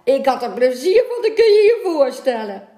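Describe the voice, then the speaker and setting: A woman's voice: high voice, sing-song, moderate pace, dark tone, voice pushed up. A woman voicing a boastful, sly older male village priest who gloats and roars with laughter. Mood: gloating. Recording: echoey room.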